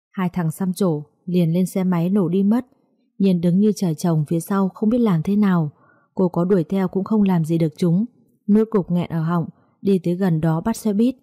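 A woman narrating an audio story in a steady, plain manner. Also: fairly low pitch.

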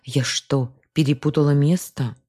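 A woman's voice: sits low, steady tone, a little slow, warm tone, breathy edge. A woman voicing a young woman who protests she is not to blame in an audiobook story. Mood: pleading. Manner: pleading, defensive.

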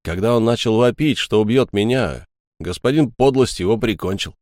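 A man's voice: on the low side, moderate pace, a little mellow, dry recording, studio quality, close to an everyday voice. A man voicing an agitated young man, torn between fear and anger, who snaps and pushes through his words. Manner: agitated, snapping. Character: agitated young male friend, scared and angry.

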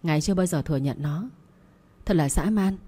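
A woman voicing a stern male servant who carries out his master's threats, speaking coldly and flatly. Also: fairly high pitch, brisk, natural voice.

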